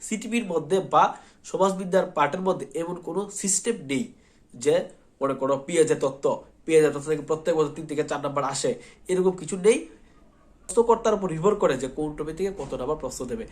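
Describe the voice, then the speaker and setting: Guy teaching exam prep, talks fast, keeps asking "okay?", kinda high voice. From Tripura, India. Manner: repetitive, reassuring, checks in often with "thik ache". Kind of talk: spoken exam-prep lesson.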